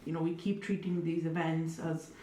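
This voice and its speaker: Low and dark, this young woman's voice moves at a moderate pace with a flat delivery. Originally from Italy, she is the interviewee in a reflective conversation, thinking aloud with many hedges and fillers and a dry, wry sense of humor. There's faint noise, and the distant mic picks up an echoey room.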